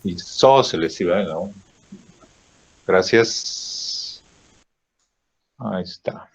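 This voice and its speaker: A man teaching a drawing software lesson, thinking aloud with fillers and checking in with "¿sí?" after each step. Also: sits low, vocal fry, slightly rough. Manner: slow, checks in with frequent "¿sí?" and "¿no?"; thinks aloud with "este" fillers while clicking. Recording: dull lo-fi recording.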